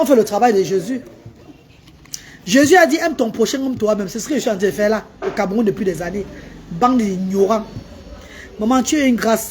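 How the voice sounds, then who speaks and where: A woman hosting a casual live stream, talking to her viewers and coaxing a child beside her. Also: fairly high pitch. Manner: animated, coaxing a child between remarks to viewers.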